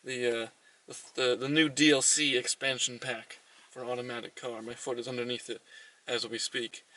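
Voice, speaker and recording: A man hosting a comedy vlog, explaining driving as a deadpan mock tutorial from inside a car. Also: medium pitch, moderate pace, recorded from a distance, poor audio. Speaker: host.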